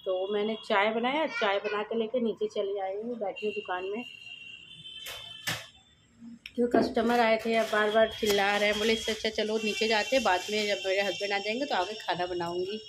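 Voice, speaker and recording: A woman's voice: medium pitch, steady tone, fairly quick, few pauses, noisy background. Chatty mother vlogging at home. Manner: chatty, coaxing with her kids, laughs often. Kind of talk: casual home vlog chat.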